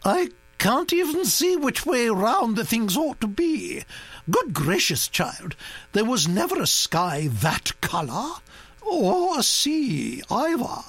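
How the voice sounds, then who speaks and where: A man's voice: very high-pitched, wildly swooping pitch, a bit bright, husky, dry recording, voice pushed up, exaggerated voice. A man playing a bossy old duchess. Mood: disapproving. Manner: brisk, bossy and disapproving. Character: imperious elderly aristocratic woman, a duchess.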